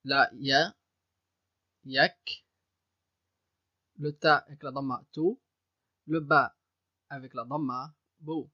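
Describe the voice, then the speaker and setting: A man's voice: medium pitch, steady tone, takes it slowly, long pauses, dry recording, highs cut off. A man teaching Arabic reading, patiently sounding out each syllable and repeating it. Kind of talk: step-by-step reading lesson. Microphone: USB desk microphone.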